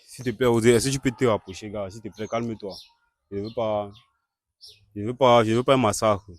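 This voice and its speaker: A man's voice: on the low side, brisk. Man hosting a street-interview skit. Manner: keeps urging calm, repeats calming phrases.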